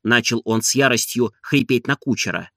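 Guy reading a novel aloud, bright voice, dry sound, expressive. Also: medium pitch, normal speed, dry recording. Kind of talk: audiobook narration.

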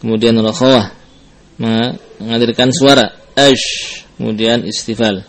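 A man's voice: medium pitch, steady tone, moderate pace, a little hiss or hum. A man teaching Quran recitation who explains each sound and drills it over and over, mixing in Arabic terms. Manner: patient, demonstrates letter sounds over and over. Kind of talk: tajwid lesson with drills.

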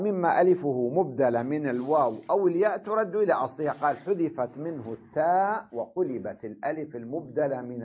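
A man teaches a classroom grammar lesson in a husky, slightly breathy voice. He explains step by step and keeps checking that his students follow. The recording is dull and lo-fi. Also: medium pitch. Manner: explains step by step, asks the class "tamam?" often.

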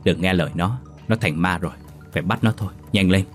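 A man's voice: sits low, quick pace, soft background music, lightly acted. A man voicing a spiteful, scheming old village man who barks orders and gloats. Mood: commanding.

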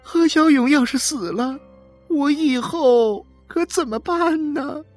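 Brief: woman playing a tearful wife who begs slowly and wails, her voice pitched high, over faint music. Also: animated, full character voice. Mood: pleading tearfully. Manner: wailing, tearful pleading. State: crying. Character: desperate woman pleading for her dying husband. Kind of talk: dramatic reading.

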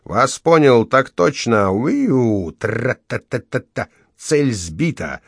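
A man voicing an elderly mother who plays bomber pilot, shrill and gleeful, with noisy sound effects. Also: big pitch swings, slow, gravelly, breathy edge, no echo, clean studio sound, full character voice.

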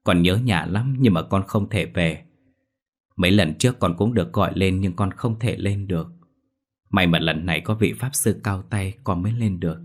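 A man's voice: low-pitched, moderate pace. A man voicing the tearful ghost of a drowned young man, speaking through a medium in a ghost story. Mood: sorrowful. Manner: tearful, pleading.

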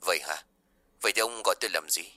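A man voicing a cold, irritable sorcerer who answers in a curt, low, dismissive way. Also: rapid-fire, bright, forceful tone.

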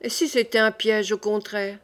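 A woman's voice: mid-range voice, level tone, normal speed, natural voice. A bold young nobleman, read by a woman. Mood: gallant. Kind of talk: audiobook reading.

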